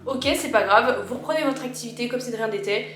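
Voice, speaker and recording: Her voice is high-leaning, fairly bright and slightly worn, and she talks fast as she chats informally with her viewers, explaining personal advice in a casual vlog. The recording has a roomy echo with music in the background.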